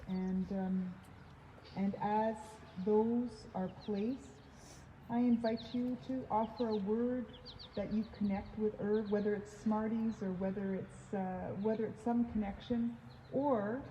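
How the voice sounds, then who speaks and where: A woman officiating at an outdoor graveside service, giving a gentle funeral address with halting pauses. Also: mid-range voice. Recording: muffled, echoey, noisy outdoor ambience.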